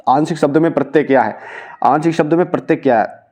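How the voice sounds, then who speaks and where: A man's voice: a little high, quick pace, darkish tone. A young man teaching an exam-prep lesson, working through practice questions, repeating each point and checking in with the students.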